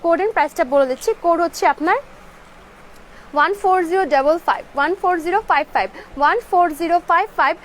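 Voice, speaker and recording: High-voiced, fast-talking woman selling live. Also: slight background noise. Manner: brisk, mixes English words into her talk, repeats codes and prices. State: fasting, throat a little dry. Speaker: live-stream clothing seller. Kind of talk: live sales presentation.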